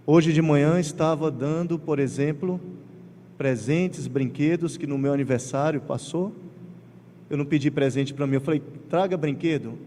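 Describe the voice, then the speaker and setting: A middle-aged man with a Pernambuco accent giving an emotional, animated spiritist lecture, telling personal stories with acted quotes. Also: fairly high pitch, moderate pace. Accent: Pernambuco Portuguese. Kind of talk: lecture to a congregation. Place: large lecture hall. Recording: hall reverb with faint ambient noise.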